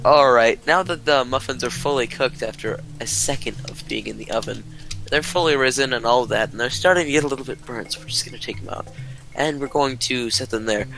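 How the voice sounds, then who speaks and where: A man's voice: mid-range voice, a little fast, vocal fry, music in the background, lightly acted. Goofy TV cooking host, as a man puts him on. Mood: mock cheerful. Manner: zapping food into being with "pew" sounds. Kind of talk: mock cooking show parody.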